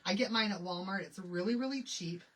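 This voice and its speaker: Speaking a little fast in a mid-range, fairly bright voice, this woman from Michigan hosts a crafting livestream. She's chatty and laughs a lot, fielding questions from the chat while she keeps working.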